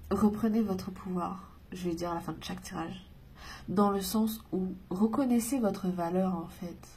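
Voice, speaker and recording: A woman giving a casual spiritual card reading, chatty and rambling, reassuring her viewers and breaking off with giggles and soft whispers. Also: medium pitch, moderate pace, husky. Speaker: oracle card reader.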